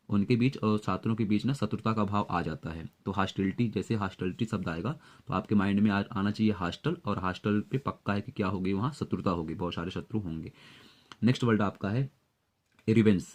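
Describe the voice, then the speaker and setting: A man teaching exam vocabulary, explaining words and memory tricks at a steady pace with frequent fillers. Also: fairly low pitch, a little fast. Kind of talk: Hindi-English vocabulary lesson with memory tricks.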